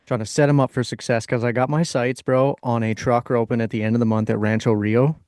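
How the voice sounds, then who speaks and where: A man's voice: medium pitch, steady tone, fairly quick, a little mellow, clear, resonant tone, no room sound, clean studio sound. A man of thirty-one co-hosting a podcast, talking in a laid-back, easily laughing way. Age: 30s. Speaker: podcast co-host. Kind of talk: casual chat.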